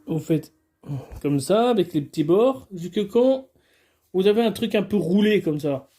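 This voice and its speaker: A man's voice: sits high, expressive, unhurried, warm tone, reverberant. A man alone at home, chatting casually and crudely to his camera while unboxing. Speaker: vlogger. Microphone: camera filming him.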